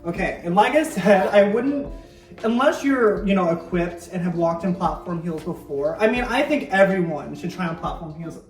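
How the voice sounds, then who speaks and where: A woman's voice: fairly low pitch, moderate pace. Chatty woman in a heavily echoing kitchen. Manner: chatty, excitable, rambling. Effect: heavy room echo. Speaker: YouTuber. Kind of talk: casual unboxing vlog. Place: kitchen indoors. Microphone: camera mic, no clip-on. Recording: echoey kitchen with faint music.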